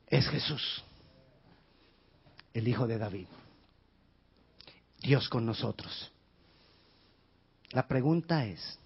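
A male pastor preaching a sermon with passion, rising to shouts and dropping to near whispers. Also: husky. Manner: impassioned, shouting in bursts then dropping low. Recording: dull lo-fi sound.

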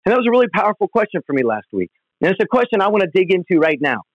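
A pastor and podcast host gives an earnest, conversational devotional teaching from home, heard over the phone. His high voice swings widely in pitch and races along. The lo-fi phone recording sounds dull and dry, with no echo.

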